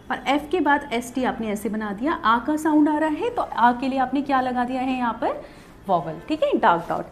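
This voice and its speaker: Lively high-voiced woman teaching shorthand. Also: slight background noise. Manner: explains step by step, asks questions then answers them. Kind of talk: video lesson.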